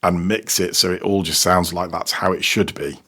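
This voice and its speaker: A sound designer and technical producer talks casually about audio production as an interview guest. His voice sits low, with fairly even intonation, a moderate pace and a bright, forceful tone. He hesitates, often repeating words as he searches for phrasing.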